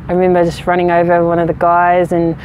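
A woman in her thirties from New Zealand, a rugby player answering interview questions outdoors in a frank, relaxed way with many fillers. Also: fairly low pitch, fast, a little hiss or hum, low-quality recording. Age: 30s. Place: outdoors on a sports field. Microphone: camera at medium distance.

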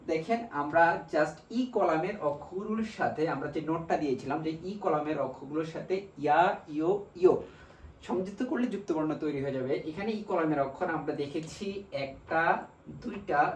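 A man with a Bangladeshi Bengali accent teaching a language lesson, slowly drilling syllables one by one. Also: a little high, slight background noise. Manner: slow, repetitive drilling of syllables. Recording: echoey room, mic far off.

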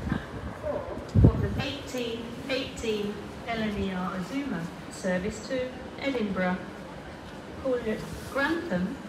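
A woman's recorded voice making train station announcements over loudspeakers, slow and measured, her words evenly spaced. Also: a little high, very noisy. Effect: train station public address announcement over loudspeakers. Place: railway station platform.

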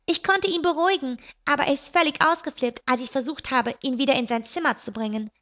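A woman's voice: high-pitched, fast talker, fairly bright tone, voice pushed up. A woman doing an agitated teenage girl. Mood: flustered. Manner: agitated, raised voice. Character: excitable teenage girl, stressed younger sister. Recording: dull lo-fi recording.

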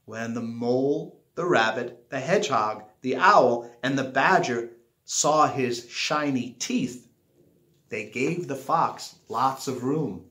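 Reading slowly in a medium pitch, a middle-aged man shares a children's picture book at home, drawing out and stressing important words the way a storyteller would. His tone is fairly bright. The setting is a small indoor living room, captured in an echoey, spacious-sounding recording.

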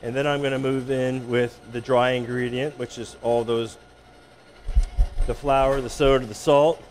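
A man's voice: mid-range voice, unhurried, slight background noise. Man explaining a baking demonstration. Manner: relaxed, explanatory, with frequent restarts. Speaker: chef instructor. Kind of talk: cooking demonstration. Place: instructional kitchen.

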